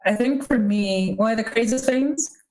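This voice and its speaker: A woman's voice: a little high, moderate pace, a little mellow, poor audio. A South African woman chatting casually and self-mockingly about a tabletop campaign. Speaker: podcast guest. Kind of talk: casual chat. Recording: music playing behind.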